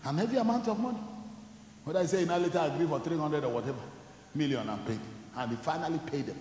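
High bright preacher in an echoey hall. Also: male voice, expressive, fast, slight background noise. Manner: switches between quiet storytelling and loud shouted declarations. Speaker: pastor. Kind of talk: sermon with storytelling. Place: church hall.

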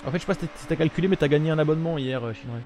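A young man rambles casually on a live stream from his room, filling his talk with lots of fillers. His voice is fairly high and darkish in tone, and he speaks very fast. The stream, captured by a webcam at home, is noisy with game sound in the background.

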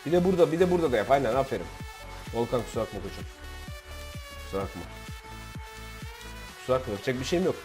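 A man commentating his own football video game, frustrated, shouting and swearing at his players. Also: mid-range voice, lively intonation, racing, pauses often, over music. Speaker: gaming YouTuber.

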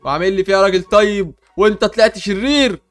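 A man's voice: high-pitched, quick pace, soft background music. A young man with an Egyptian Arabic accent, hosting an improvised game role-play with comic panic and bluster.

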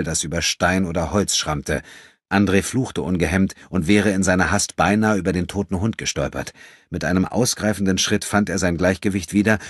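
A man reading an audiobook as narrator in a measured, even storytelling manner. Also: deep voice, slightly rough, no room sound, studio quality. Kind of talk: scripted narration.

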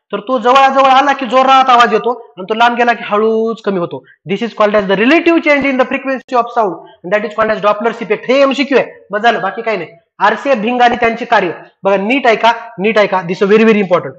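A man giving an exam revision science lecture, lively, repeating key points and asking and answering his own questions. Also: high voice. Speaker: science teacher. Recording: dull lo-fi classroom recording.

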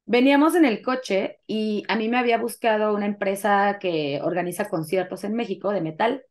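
A woman's voice: mid-range voice, normal speed. A young adult woman with a Mexican Spanish accent, telling her personal story as a guest in an interview, acting out the dialogue as she goes. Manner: animated storytelling, acts out quoted dialogue.

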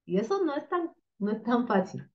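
A woman's voice: fairly high pitch, sing-song, moderate pace, dull audio. A woman teacher explaining a puppet play to her students, now and then acting out the puppet voices.

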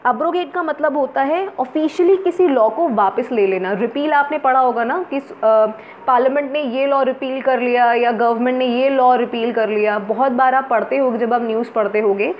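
A woman's voice: sits high, normal speed, lo-fi sound, slight background noise. A young woman with an Indian accent teaching an exam-prep vocabulary lesson, switching between English and Hindi and checking in often with her students. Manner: mixes English and Hindi, explains words patiently with frequent "ठीक है ना" check-ins.

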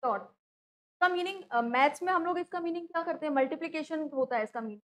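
Female teacher, high voice, patient step-by-step classroom explanation. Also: fast, fairly bright tone, poor audio. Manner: explanatory, asks and answers own questions, frequent "theek hai".

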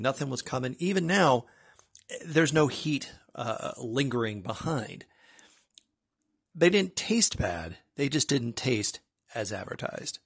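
Husky, animated middle-aged man reviewing snacks. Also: medium pitch. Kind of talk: casual, wry product review. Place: small room with bookshelves, indoors.

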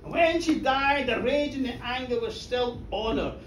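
A man voicing a stern, commanding fairy king in a live folk tale, giving slow, measured orders, recorded from a distance in an echoey pub room. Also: very high-pitched, slight background noise. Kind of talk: live storytelling.

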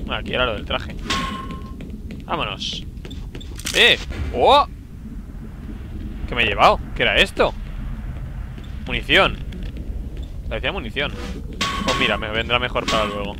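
Excitable streamer yelping. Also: male voice, medium pitch, moderate pace, long pauses, background noise. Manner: chatty, yelps and exclaims often. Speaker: streamer playing a game. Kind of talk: live game commentary.

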